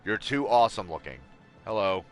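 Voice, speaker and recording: A man's voice: lowish voice, animated, moderate pace, faint music behind. A man giving casual let's play commentary, with wry, joking asides to the game's characters.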